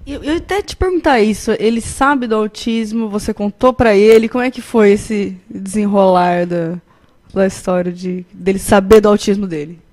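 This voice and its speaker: A woman's voice: mid-range voice, moderate pace, a little mellow. Woman host asking a question. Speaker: host, interviewer. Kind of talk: interview question.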